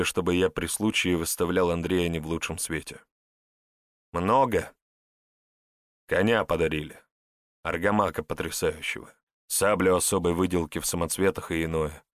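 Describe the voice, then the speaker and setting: A man playing a wary, fearful adult nobleman who speaks gravely and hesitantly. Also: sits low, moderate pace, no room sound, clean studio sound, natural voice. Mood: reluctant confession.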